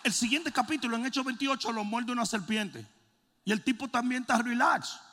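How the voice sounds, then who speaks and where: A man preaching a sermon, joking and shouting in turns. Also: very high voice, brisk. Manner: animated, jokey, swings between shouting and mimicking. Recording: long hall reverb.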